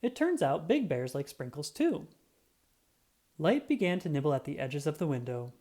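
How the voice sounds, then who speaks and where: A medium-pitched narrator at a moderate pace reads a children's picture book aloud, playing a cat detective with an inflated sense of importance. The telling is dramatic and expressive, with sound effects acted out.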